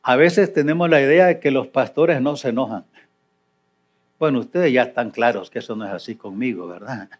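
An older man preaching a sermon as pastor, reading scripture and then commenting on it with dramatic swings between loud emphasis and quiet asides. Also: medium pitch, moderate pace.

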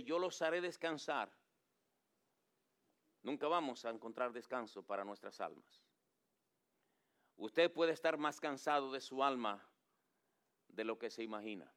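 A pastor preaching a sermon, swinging between raised pleading and hushed, low endings. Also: male voice, smooth. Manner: preaching with dramatic drops to a low hush; acts out pleading quotes in a raised voice.

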